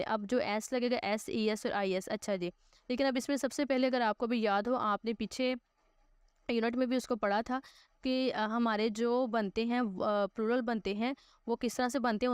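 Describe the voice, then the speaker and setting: Patient woman teacher, clear voice. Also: a little high, no echo, studio quality. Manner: patient, repeats "ठीक है" to check understanding; mixes Hindi-Urdu with English terms. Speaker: English teacher. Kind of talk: recorded online class explanation.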